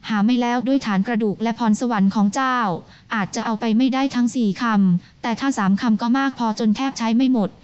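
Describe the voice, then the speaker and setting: A woman reading the lines of a calm, wise male scholar who speaks with patient, gentle persuasion. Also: on the high side, fairly quick, hardly any pauses, clean tone, no room sound, highs cut off, close to an everyday voice.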